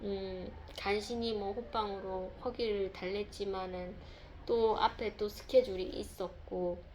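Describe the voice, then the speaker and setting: A woman in a mid-pitched voice tells a personal faith testimony as a mother. She rambles, fills pauses and repeats herself. A faint background hiss sits under her voice. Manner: rambling, full of fillers and repeated words.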